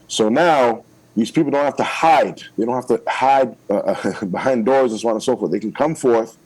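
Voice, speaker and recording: A man's voice: medium pitch, normal speed, a little mellow, breathy edge, rough recording. A man, a political candidate, making his case in a radio interview, emphatic and persuasive, checking in with "okay?" again and again.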